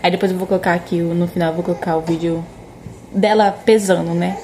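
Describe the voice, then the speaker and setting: A woman's voice: lowish voice, brisk, a little hiss or hum. A woman, telling a personal story to camera in a casual vlog style. She acts out the dialogue and keeps checking in with her listener. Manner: animated, acts out quoted dialogue, frequent tag questions. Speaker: vlogger.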